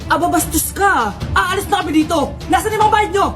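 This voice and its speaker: A woman acting out comic skits, switching between brisk scolding and mock-polite service talk. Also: very high-pitched, over music. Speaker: comedy skit performer.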